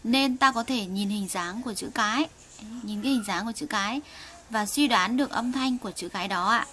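Woman, Vietnamese teacher of Korean, slightly high voice, patient and clear for learners. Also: a bit bright, slight background noise. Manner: slow, patient, drills sounds for students to repeat. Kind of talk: online language lesson, reading aloud for learners.

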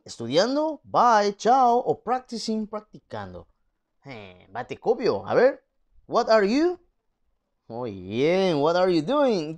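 A young man with a Paraguayan Spanish accent teaching an online English lesson, sounding out English words slowly and translating each one into Spanish. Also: medium pitch, darkish tone.

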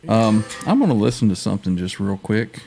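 A man's voice: fairly low pitch, big pitch swings, a little fast, gravelly, mellow, soft background music. An older man hosting a livestream in casual chat, speaking close to a studio microphone. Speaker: livestream host. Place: home music studio, indoors. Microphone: close studio microphone with headset.

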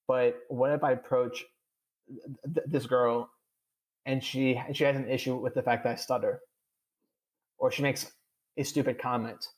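The recording is low quality, capturing a young man's mid-range voice as he answers podcast questions candidly. A strong stutter shows in his many repeated sounds and long chains of "uh."

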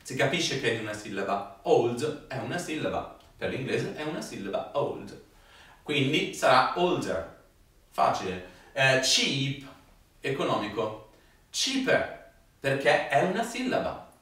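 A male Italian teacher talks through an English grammar lesson at an unhurried, deliberate pace, repeating each rule. His voice comes from some way off the phone mic and rings around a very echoey room. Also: mid-range voice, very animated, fairly bright tone, recorded from a distance. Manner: chatty, explains slowly and repeats rules. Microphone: phone camera.

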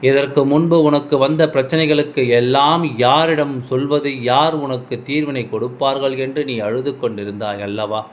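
A man's voice: medium pitch, slight background noise. A man giving a devotional message in the voice of the goddess, speaking solemnly and addressing the listener directly as her child.

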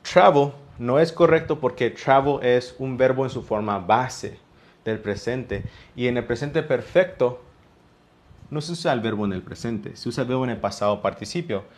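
Speaking at a normal speed in a mid-range voice, this man teaches English in a live online class. He has a Mexican Spanish accent and explains grammar patiently, stretching out each example.

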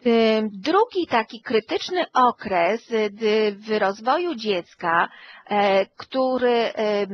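Slow-spoken woman therapist explaining. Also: fairly high pitch, dull audio. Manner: slow, measured explanation with fillers. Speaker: hearing and speech therapist. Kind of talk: expert talk to camera.

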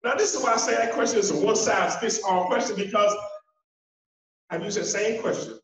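A man in his forties giving a motivational keynote speech on a conference hall stage, walking about as he talks and using emphatic, repetitive phrasing with dramatic pauses. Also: high-pitched, a bit bright, a little hiss or hum. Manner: walks the stage while speaking. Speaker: keynote speaker. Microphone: handheld mic heard through a distant camera. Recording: echoey hall from far off, dull sound.

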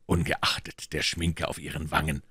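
A man voicing a cold, devoted nobleman agent who reports in curt, measured tones, in a storybook reading. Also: a bass voice, flat delivery, sharp tone, slightly rough, no echo, clean studio sound, full character voice. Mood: secretive.

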